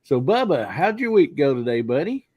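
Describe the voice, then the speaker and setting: A man's voice: on the high side, very animated, moderate pace, dry recording, lo-fi sound. A man hosting a casual live podcast, rambling with lots of fillers. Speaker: podcast host.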